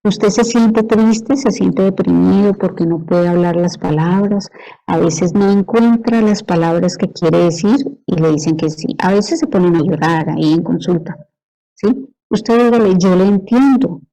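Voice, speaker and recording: Woman lecturer, middle-aged, warm mellow tone, patient explanatory delivery. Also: lowish voice, a little slow, poor audio. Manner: explanatory, asks "¿sí?" to check understanding. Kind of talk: university lecture.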